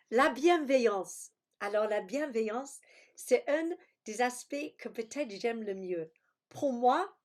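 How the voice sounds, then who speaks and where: Woman preacher on a video call, talks slow, bit of a high voice, gropes for words, says alleluia a lot. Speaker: pastor. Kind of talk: sermon teaching over video call.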